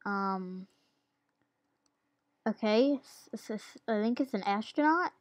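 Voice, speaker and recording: A woman's voice: medium pitch, lively intonation, slow, no echo. A woman giving casual gameplay commentary as a YouTuber, giggly and hesitant with lots of ums, while she has the hiccups. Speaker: gaming YouTuber.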